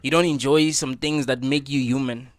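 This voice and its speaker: A man hosts a reaction video, giving a casual opinion monologue in an earnest, preachy tone, repeating his points and using plenty of filler words. His mid-range voice has fairly even intonation and a normal speed, recorded with studio quality and no echo.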